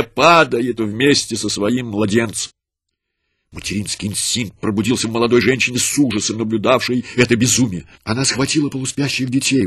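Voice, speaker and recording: Husky solemn male storyteller. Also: lowish voice, fairly bright tone, no echo. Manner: solemn and dramatic. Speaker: narrator. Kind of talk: dramatic reading of a religious story.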